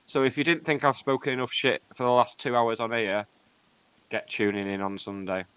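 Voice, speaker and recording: A man's voice: mid-range voice, steady tone, brisk, fairly bright tone, clear, resonant tone, no room sound. A man co-hosting a football podcast, chatting casually in a blunt, wry, sweary way. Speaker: podcast co-host and radio presenter.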